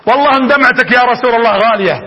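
Fast, high-voiced preacher. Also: male voice, sharp tone, lo-fi sound. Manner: fervent, addresses the audience directly. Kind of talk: religious lecture with storytelling.

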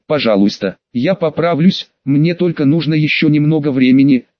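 A man reading the lines of a hurt, distrustful young boy wizard in a quiet, guarded voice. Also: on the high side, moderate pace, dry recording, close to an everyday voice. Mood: defiant. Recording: dull dry recording.

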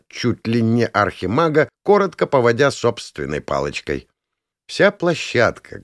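A man's voice: medium pitch, dry recording, studio quality. A man narrating a first-person fantasy audiobook in a sardonic, crude manner.

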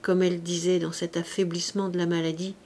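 A woman reading a classic novel aloud as an audiobook, in a calm, careful way. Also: on the low side, fast talker, a little hiss or hum. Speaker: audiobook reader. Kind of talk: literary audiobook narration.

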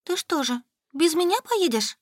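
A woman reading aloud, voicing a whiny, food-loving young woman schoolteacher in a high voice. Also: expressive, moderate pace, no room sound, studio quality. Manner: whining, pleading.

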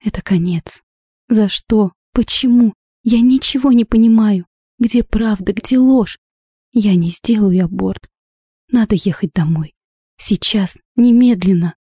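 Woman reader doing a desperate teen bride, tearful, mellow and dry. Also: mid-range voice, a little slow, slightly rough, dry recording, voice pushed up. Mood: despairing. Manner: pleading, tearful.

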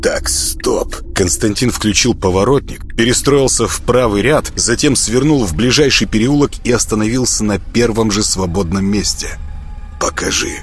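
A man reading an audiobook in measured scripted narration. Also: lowish voice, slight background noise.

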